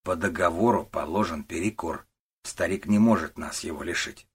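A man voicing a stubborn worker of about sixty who answers slowly and quietly, with low defiance. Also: breathy edge. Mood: defiant.

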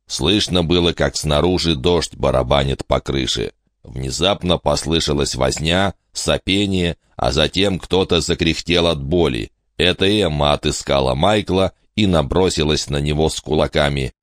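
A man narrating an audiobook in an expressive, dramatic storytelling manner. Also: extremely low pitch, normal speed, dry recording, clean studio sound.

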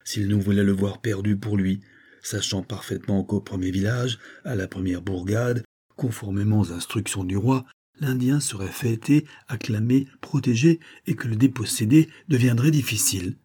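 A man reading an adventure novel aloud as an audiobook narrator, measured and dramatic. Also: lowish voice, warm tone, husky.

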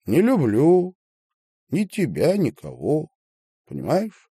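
A man reading aloud voices a furious, bitter young woman in a heated, shouting manner. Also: on the high side, wildly swooping pitch, takes it slowly, breathy edge, no echo, studio quality, voice pushed up, exaggerated voice.

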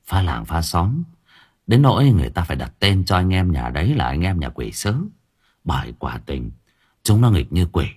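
A man narrating an audiobook story in an expressive storytelling manner. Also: deep voice, husky. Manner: expressive, swinging voice for drama.

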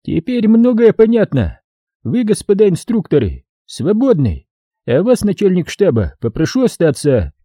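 A man's voice: high voice, wildly swooping pitch, normal speed, dark tone, no echo, studio quality, pitched above the performer's own voice, exaggerated voice. A man voicing a brusque male commander in an audiobook, barking orders. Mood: commanding. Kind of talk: audiobook reading.

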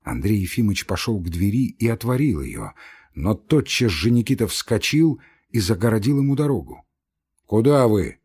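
A man reading a classic story aloud as audiobook narration, expressive and at times hushed. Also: lowish voice, normal speed, slightly rough. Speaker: reader.

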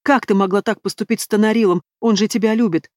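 A woman's voice: lowish voice, fairly quick, a little mellow, dry recording, studio quality, lightly acted. A woman doing a brash bossy young woman. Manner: brash, indignant.

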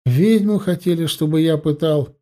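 A man's voice: a little high, moderate pace, warm tone, pitched above the performer's own voice, natural voice. A man reading an audiobook, voicing a frightened, whiny male mage who pleads and cries out. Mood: plaintive. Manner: pleading, plaintive outbursts.

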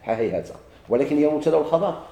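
Fast-talking Moroccan grammar teacher. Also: male voice, fairly high pitch, lively intonation, gravelly, warm tone. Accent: Moroccan Arabic. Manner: asks questions and answers them himself. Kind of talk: classroom lecture. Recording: echoey room.

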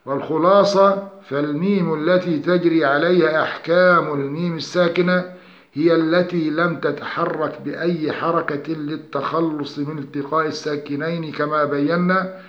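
A man's voice: fairly high pitch, fairly even intonation, normal speed. Man teaching methodically in a roomy room. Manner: methodical, lists rules point by point. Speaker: Quran recitation teacher. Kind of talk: scripted tajweed lesson. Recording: roomy, dull lo-fi recording.

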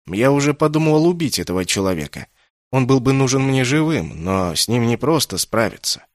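A man's voice: mid-range voice, very animated, brisk, no room sound, clean studio sound, natural voice. A man voicing a haughty, manipulative male mage in an audiobook, speaking imperiously and coldly. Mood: scheming. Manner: imperious, coaxing, then clipped and cold. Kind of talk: audiobook character reading.

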